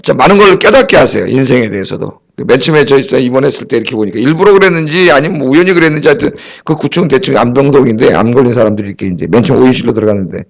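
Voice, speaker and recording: Fast-talking, animated male pastor preaching. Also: mid-range voice. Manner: animated storytelling, swinging between loud emphasis and hushed asides. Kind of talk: sermon.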